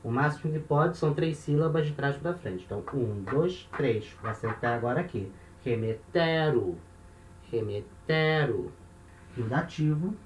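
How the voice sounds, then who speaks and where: In a recorded grammar lesson, a man with a voice on the high side teaches patiently and steadily, often checking in with short tag questions and slowing to repeat word forms. The room is echoey with faint noise.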